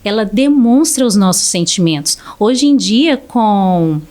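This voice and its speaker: A woman's voice: mid-range voice, expressive, a little slow, dark tone. A woman speech therapist from Brazil, a podcast guest explaining things in a teacherly, conversational way.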